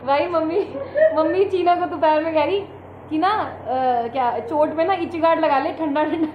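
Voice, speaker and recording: A woman's voice: sits high, moderate pace. Chatty feverish woman vlogging at home. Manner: chatty, addresses viewers directly. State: sick with fever. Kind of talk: casual vlog chat to camera. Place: at home, indoors. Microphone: camera set in front of her. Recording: echoey room, dull and noisy.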